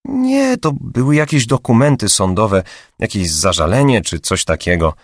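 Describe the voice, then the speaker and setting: A man's voice: lowish voice, sing-song, normal speed, dry recording, clean studio sound, pitched above the performer's own voice. A man voicing a chatty, anxious young female receptionist who gossips with a raised voice, for an audiobook. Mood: eager complaining. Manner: raised gossipy voice, later hushed whispering.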